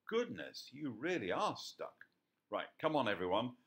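A man voicing a cheerful, kindly man who cares for animals, in a gentle, unhurried storybook reading. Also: mid-range voice, sing-song, creaky, voice pushed up, full character voice.

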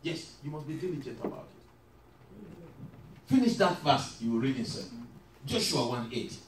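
High-voiced preaching man in an echoey hall. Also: very animated, measured pace, a little hiss or hum. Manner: call-and-response preaching, rising to shouts. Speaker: pastor. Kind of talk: sermon. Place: church hall. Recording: echoey hall, mic far off.

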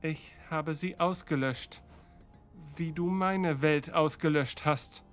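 A man voicing a bitter, vengeful godlike entity in a low, hushed half-whisper. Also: takes it slowly, faint music behind. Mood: cold hushed.

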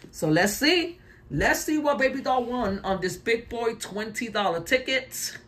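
A woman's voice: mid-range voice, fairly bright tone. A woman hosting casual scratch-card play-along commentary, calling out numbers in short phrases. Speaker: host of a lottery scratch-off channel.

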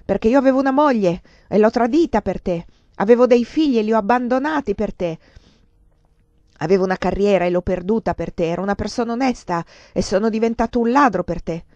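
A woman voicing a desperate, furious man, a ruined lover turned thief, shouting bitter accusations. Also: mid-range voice, a little fast, dry recording, close to an everyday voice. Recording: dull lo-fi dry recording.

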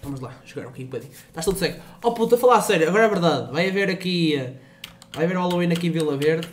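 A man's voice: a little high, lively intonation, very fast, a little hiss or hum. A young man with a European Portuguese accent, streaming a game in casual chat, swearing a lot, teasing and loose.

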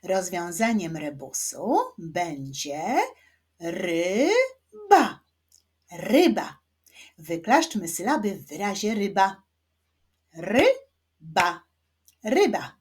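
A woman with a Polish accent teaching children to read, sounding out each syllable clearly. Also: on the low side, lively intonation, slow pace, a little mellow. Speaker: reading teacher. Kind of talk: children's reading lesson.

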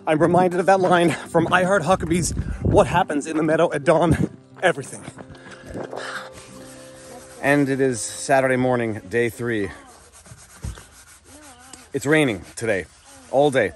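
A man in his thirties casually vlogging a family camping trip outdoors, talking wryly into a handheld camera at arm's length. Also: on the high side. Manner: playful, wry, chatty with his kids. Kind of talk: casual family travel vlog. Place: outdoors at a campsite and roadside.

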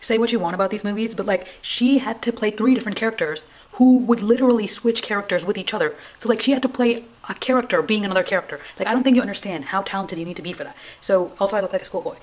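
Talking fast with barely a pause, a young woman films a casual challenge vlog indoors at home, her mid-range voice a little mellow on a rough recording. She rambles, pokes fun at herself and pleads in an overdramatic way.

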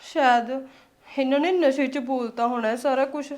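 A woman's voice: high voice, moderate pace, darkish tone, natural voice. An actress playing a tearful young wife and mother who pleads to keep her daughter near her. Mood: pleading. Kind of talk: village family drama acting.

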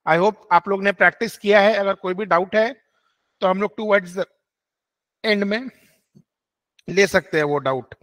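A man teaching an online class, switching between Hindi and English and repeating key rules slowly for students to note down. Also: sits high, fairly bright tone.

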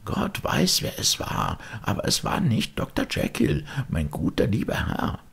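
A man doing a gravelly, frightened old servant. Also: fairly low pitch, wildly swooping pitch, unhurried, voice pushed up, heavily acted. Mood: fearful. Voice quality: gravelly, raspy. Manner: hushed, anxious and pleading. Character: frightened old male servant, loyal and trembling. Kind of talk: audiobook character reading.

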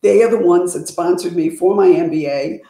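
A woman's voice: on the low side, moderate pace, warm tone. An older woman on a headset mic at home, talking measuredly with frequent fillers as a panelist on a video call. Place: home room indoors. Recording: roomy video call audio.

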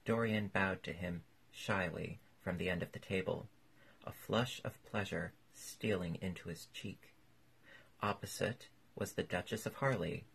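A man narrating a classic novel as an audiobook in a measured, even reading. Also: lowish voice, creaky, breathy edge, poor audio.

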